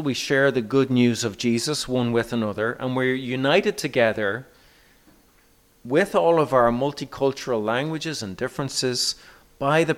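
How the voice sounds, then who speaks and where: A man as pastor, reading scripture and preaching with measured emphasis at a church service. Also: medium pitch, fairly bright tone.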